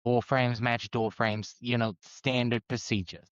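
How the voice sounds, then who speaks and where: A man's voice: mid-range voice, little pitch movement, measured pace, smooth, no room sound, lightly acted. A man voicing a male agent posing as a city inspector, in a put-on New York accent, breezy and overplayed. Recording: slightly dull lo-fi mic.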